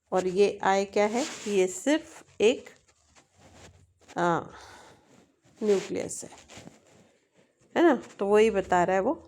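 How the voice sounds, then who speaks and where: A woman with an Indian accent teaching a linguistics tutorial, switching between Hindi and English, reading definitions slowly and often checking in with her students. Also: mid-range voice, darkish tone. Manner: frequent checking tag questions. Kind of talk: explaining at a board in mixed Hindi and English.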